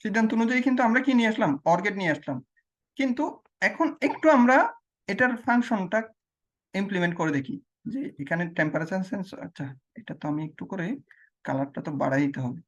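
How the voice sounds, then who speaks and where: A man's voice: sits high, fast talker, dull audio. Man, teacher, walks through a screen demo, asks and answers his own questions, repeats himself. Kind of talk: explaining logic gates on a screen demo.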